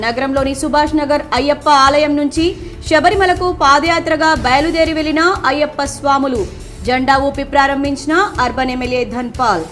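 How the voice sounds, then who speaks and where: A woman with a high, clear voice reads the evening news headlines in a measured, formal way. Faint background music plays beneath her. She sounds like a local television anchor. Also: fairly even intonation, fairly bright tone. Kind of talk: reading headlines.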